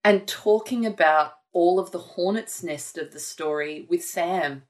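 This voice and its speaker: In a reflective conversation, a woman author speaks thoughtfully and earnestly about her writing. Her voice sits lowish and her delivery is a little slow.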